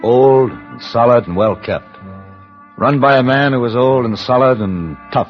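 An actor playing a stoic, courteous gunman in a vintage radio western, with a grave, measured delivery. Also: medium pitch. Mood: grave narration. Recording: muffled old radio recording with faint music.

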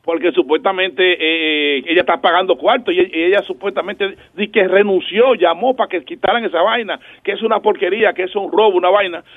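A man hosting a radio prank segment, talking rapidly and excitably. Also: high-pitched, dry recording, narrow, tinny audio. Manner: rapid, excitable, laughing often. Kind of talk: casual radio banter.

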